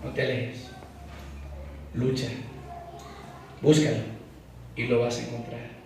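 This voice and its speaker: A male pastor preaching a sermon, swinging between hushed pleading and loud exhortation. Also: mid-range voice, little pitch movement, slow, slight background noise. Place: church sanctuary. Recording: echoey church from a distant mic.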